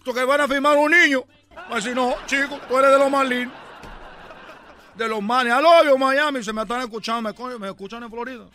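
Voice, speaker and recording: A man voicing a boastful Cuban baseball player with a Cuban accent in a comedic radio bit, loud and rambling, repeating himself. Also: very high-pitched, a little fast, soft background music. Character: boastful Cuban ballplayer, adult man, brash joker.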